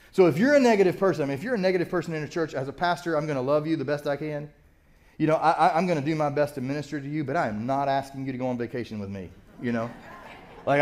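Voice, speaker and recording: A man's voice: a little high, a little mellow. An older man, a pastor, preaching a sermon in a church in a conversational, self-deprecating storytelling way. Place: church sanctuary.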